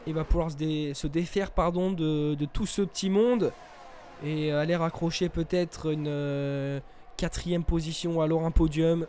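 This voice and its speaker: A man with a high voice commentates live motorsport, following the race with a delivery that moves between measured and excited. Faint vehicle noise sits behind his voice. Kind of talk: live race commentary, esports sim racing.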